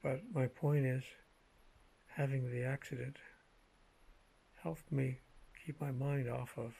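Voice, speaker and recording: A man speaking in a measured, halting way with a gravelly, husky voice, telling personal anecdotes in a casual monologue. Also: medium pitch, flat delivery, warm tone, rough recording. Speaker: vlogger telling personal stories.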